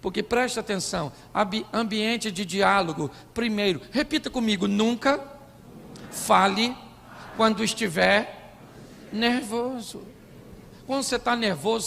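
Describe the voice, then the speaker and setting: A man preaching a comic sermon as pastor, animated, acting out couples' arguments in put-on voices. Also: sits high, vocal fry. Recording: live in a large hall with long reverb and faint noise.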